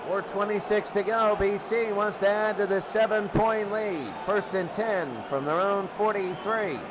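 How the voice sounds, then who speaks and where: A man with a high-pitched voice delivers live play-by-play radio commentary on a football game, speaking in short, clipped bursts at a measured pace. The broadcast is noisy, loud with the roar of the stadium crowd.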